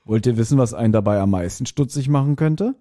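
A man voicing a gruff, sour middle-aged doctor while reading a book passage aloud. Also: mid-range voice, expressive, quick pace, mellow, no echo, studio quality, voice pushed down, close to an everyday voice.

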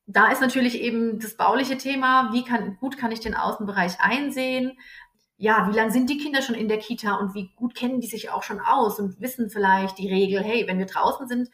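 A woman's voice: a little high, a little fast, fairly bright tone. A woman guest, a kindergarten teacher, explaining things practically with everyday examples. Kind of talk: casual conversation. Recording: echoey room.

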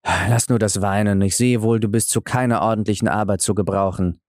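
A man voicing a stern beggar husband who is secretly a king, gruff and commanding. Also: fairly low pitch, fairly even intonation, brisk, darkish tone, no room sound, clean studio sound, lightly acted.

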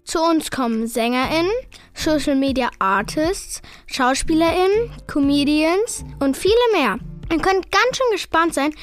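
A woman's voice: sits high, expressive, unhurried. A woman reading an upbeat scripted intro for a podcast. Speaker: podcast announcer.

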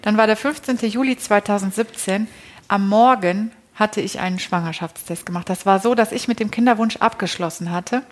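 A woman's voice: medium pitch, moderate pace. Chatty woman telling her story. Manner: chatty, frequent tag questions and self-restarts. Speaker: interview guest. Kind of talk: casual personal storytelling.

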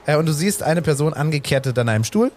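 Male game master, rapid rambling narration. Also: fairly high pitch, lively intonation, darkish tone, soft background music.

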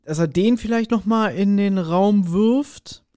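He has a high-pitched, slightly mellow voice and speaks a little slowly. Co-hosting a podcast, he casually speculates about an audio drama, teasing and playfully self-assured.

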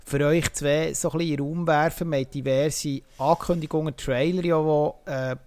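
A man gives his views on films in a relaxed podcast chat. He pauses often to search for words, and his voice sits slightly high. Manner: thoughtful, filler-heavy. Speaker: podcast co-host. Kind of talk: casual film review chat.

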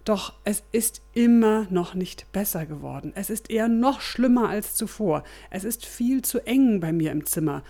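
A woman's voice: mid-range voice, animated, moderate pace, hardly any pauses, mellow, voice pushed up. A woman voicing a pious, troubled man who pleads and complains about his cramped home. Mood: pleading, complaining.

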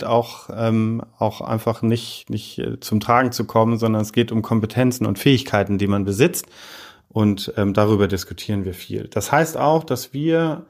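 A middle-aged man from Heidelberg speaks as a podcast guest, with a voice of ordinary pitch for a man. He talks in a measured, thoughtful way and often pauses on fillers while he gathers his thoughts. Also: steady tone, vocal fry. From Heidelberg, Germany. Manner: measured, hesitant with frequent fillers. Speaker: podcast guest, business consultant. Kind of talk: podcast interview.

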